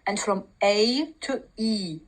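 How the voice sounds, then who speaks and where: Slow, hesitant woman with a Turkish accent. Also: mid-range voice, poor audio. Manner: reads aloud slowly, pausing, many fillers and restarts. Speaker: language commentator. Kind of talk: reading and commenting on a text.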